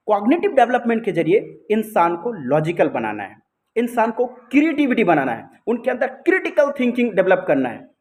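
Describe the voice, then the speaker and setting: A man with an Indian accent giving a lecture as a teacher, often adding tag questions and mixing in English phrases. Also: high voice.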